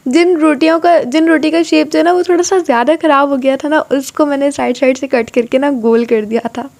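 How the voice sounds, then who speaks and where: A woman's voice: high voice, fairly even intonation, brisk, darkish tone. A young woman from Pakistan chatting casually through a cooking vlog in her home kitchen, rambling with filler phrases and giggles. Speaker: vlogger. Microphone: camera or phone, sometimes hand-held.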